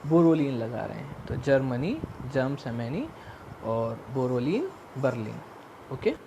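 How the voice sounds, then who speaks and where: A man's voice: fairly high pitch, warm tone, a little hiss or hum. A man giving a casual lesson on memory tricks, talking conversationally, repeating his cues and asking rhetorical questions. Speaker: quiz tutor.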